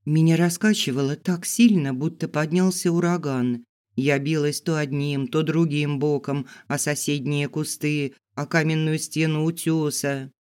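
Slow, smooth male audiobook narrator. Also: on the high side, steady tone, darkish tone. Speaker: audiobook reader. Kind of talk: scripted first-person narration.

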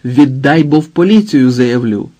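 A man's voice: a little high, takes it slowly, warm tone, slightly rough, full character voice. A man voicing an old miserly man who pleads in a shaky, quavering voice. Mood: desperate.

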